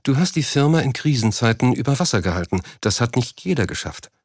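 A man reading an audiobook, voicing an unhappy, reproachful wealthy wife in a raised, softer voice. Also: medium pitch, expressive, a little fast, no echo, clean studio sound. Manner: softly reproachful, drops her voice. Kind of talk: audiobook character voice.

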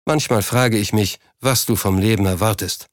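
A man's voice: fairly low pitch, steady tone, normal speed, no echo, studio quality, lightly acted. A man voicing a proud curt businessman. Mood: irritated. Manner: curt, slightly irritated. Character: proud driven businessman, middle-aged, terse. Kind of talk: audiobook character voice.

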